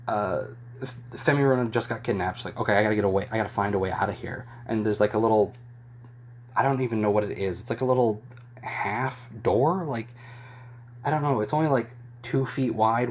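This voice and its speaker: A man hosting his own channel, giving a rambling, amused, casual spoken recap of anime episodes with frequent soft chuckles. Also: fairly low pitch, slight background noise. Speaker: YouTube host reviewing an anime.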